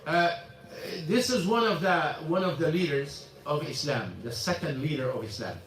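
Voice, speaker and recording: In an echoey mosque hall, recorded by a distant mic, a man gives an informal religious lesson in broken English, often repeating himself. His voice is a little high and a bit bright, with lively intonation at a normal speed.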